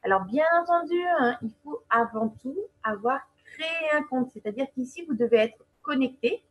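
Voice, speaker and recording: A woman with a fairly high, husky voice guides viewers through a website on a screen-share webinar. She talks in a chatty, step-by-step way, often pausing on fillers and checking that everyone is following. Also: animated, rough recording. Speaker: webinar presenter. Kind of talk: screen-share software walkthrough.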